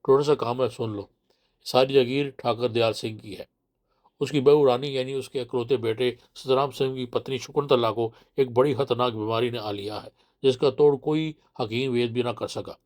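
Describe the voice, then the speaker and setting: A man's voice: medium pitch, steady tone, moderate pace, a little mellow, natural voice. A man reading the part of a sly village man who coaxes and presses a guest with fake friendliness. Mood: confiding. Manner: coaxing and pushy. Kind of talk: audiobook character voice.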